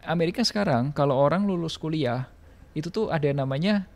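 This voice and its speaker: A man in his thirties with an Indonesian accent, who owns a financial planning business, appears as a guest on a casual podcast, explaining things emphatically and often asking rhetorical questions. His voice is a little high and his pace brisk. He's recorded on a close podcast mic on a stand in a small office room lined with bookshelves.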